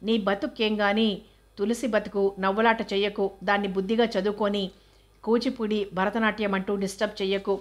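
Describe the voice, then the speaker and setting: A woman's voice: medium pitch, little pitch movement, a little fast, natural voice. A woman reading the part of a young married elder sister who scolds firmly and protects her younger sister.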